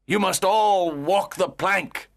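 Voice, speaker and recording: A man's voice: high-pitched, slow, gravelly, a bit bright, full character voice. A man playing a cruel, gloating pirate captain in a children's audio story, with a theatrical, taunting delivery. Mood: commanding, threatening.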